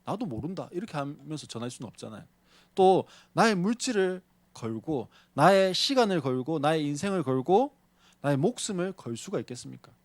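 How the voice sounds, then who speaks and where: Male pastor, sermon delivery; pitch sits a touch high, swings widely, close and dry sound. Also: brisk, no echo. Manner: lively preaching, often poses questions to the congregation; tells a story to illustrate his point.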